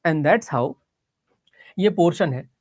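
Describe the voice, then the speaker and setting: A woman's voice: lowish voice, expressive, extremely slow, darkish tone, no echo, studio quality. A woman teacher giving a geography lesson, explaining step by step, checking in with her students and mixing English phrases into her Hindi.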